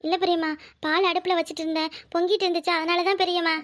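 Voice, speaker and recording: A woman's voice: very high voice, little pitch movement, rapid-fire, a bit bright. Woman voicing a meek pleading young niece. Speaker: cartoon character.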